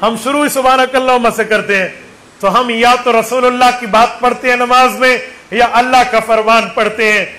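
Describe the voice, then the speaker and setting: A man's voice: extremely high pitch, fairly even intonation, normal speed, bright, forceful tone, rough recording. A man preaching a sermon, asking his listeners rhetorical questions and counting aloud with them. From Saraiki-speaking region of Pakistan.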